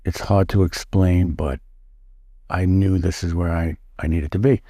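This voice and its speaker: Middle-aged guy from the us, lowish dark voice, stops and restarts a lot, dry close sound. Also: steady tone, no room sound. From United States. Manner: halting, with many restarts and repeated words. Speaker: interview guest. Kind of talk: casual interview answers.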